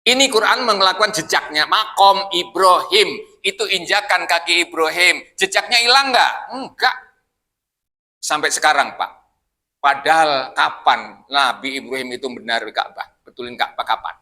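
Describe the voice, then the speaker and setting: Mosque teacher, male, high sharp voice, chatty style that keeps quizzing the room. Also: moderate pace. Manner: chatty, quizzes listeners as "Pak". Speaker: Islamic teacher leading a Quran study. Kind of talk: casual mosque study talk.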